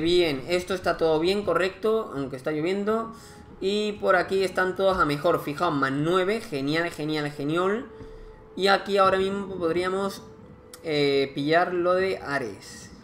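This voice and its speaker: A fairly high-voiced man talks through a strategy game as he plays. He thinks aloud in a loose, chatty way, counting units and weighing choices. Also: fairly bright tone, a little hiss or hum. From Spain. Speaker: gaming commentator. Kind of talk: casual let's-play commentary.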